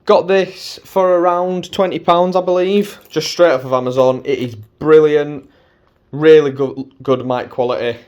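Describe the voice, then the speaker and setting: A man's voice: a little high, measured pace, darkish tone, smooth. A British man giving a casual, chatty walkthrough of gear as a vlogger, with a cheeky, slangy, informal way of talking. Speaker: motovlogger presenting gear.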